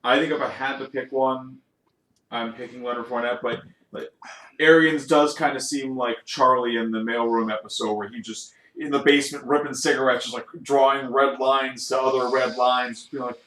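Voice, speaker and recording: A man co-hosting a casual sports podcast, joking and animated with quick asides. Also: mid-range voice, echoey room. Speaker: podcast co-host.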